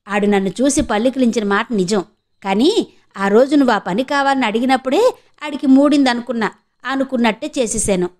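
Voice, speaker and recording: A woman's voice: on the high side, a little fast, darkish tone, close to an everyday voice. A woman voicing a shrewd, bold village woman who scolds and schemes in rustic speech. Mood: scheming.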